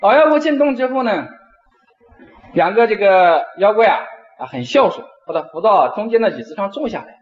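A middle-aged man, a university professor, giving a lecture and telling stories with drawn-out particles. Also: high voice, dull audio, faint music behind. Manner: animated storyteller, frequent drawn-out particles. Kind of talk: lecture with storytelling.

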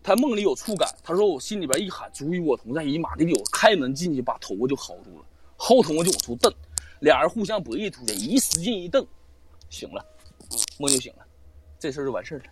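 A man tells a spooky story at a quick clip. His pitch swings widely as he acts out what people said, swearing freely along the way. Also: noisy background. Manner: swearing, animated retelling with quoted dialogue. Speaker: storyteller guest on a live-stream show. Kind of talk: casual spoken ghost story.

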